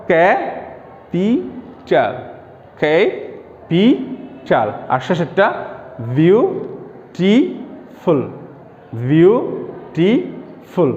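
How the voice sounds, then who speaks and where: A man teaching an online English lesson for primary school pupils, explaining patiently and sounding out example words slowly, syllable by syllable. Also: high voice, a little mellow. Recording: echoey room, dull lo-fi sound.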